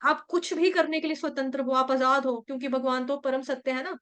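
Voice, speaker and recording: A woman teaching a devotional scripture class, explaining in Hindi mixed with English and chanting Sanskrit verses slowly. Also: high voice, flat delivery, fairly bright tone.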